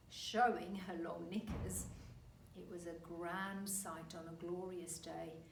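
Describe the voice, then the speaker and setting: With a mid-range voice, a woman reads a children's story the way a teacher might, expressive and deliberate. The recording is roomy, with a distant mic and faint noise.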